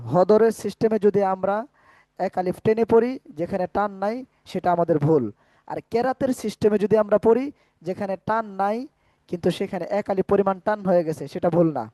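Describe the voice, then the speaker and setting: In an online Quran class, a man patiently walks through letter sounds and vowel marks one step at a time, occasionally chanting phrases in a slow, drawn-out recitation. His voice is high-pitched and a little mellow, and the recording has no room sound.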